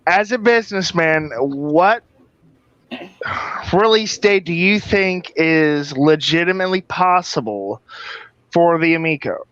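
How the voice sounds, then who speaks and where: Casting: lively male co-host, slightly high, dry dull mic sound. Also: takes it slowly, clear, resonant tone, no room sound. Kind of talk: casual livestream chat.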